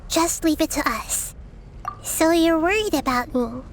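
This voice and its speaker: A woman voicing a wise, gentle, childlike goddess in an anime game, calm, soft and explanatory. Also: extremely high pitch, a little slow, slight background noise. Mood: reassuring.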